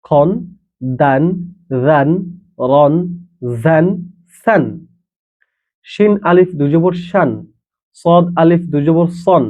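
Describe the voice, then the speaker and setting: A man's voice: fairly high pitch, steady tone, takes it slowly, pauses often, a little mellow. A man teaching Quran reading, patiently spelling out each letter and vowel mark and repeating every syllable. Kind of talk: slow spelling-out lesson. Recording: tinny phone-like sound.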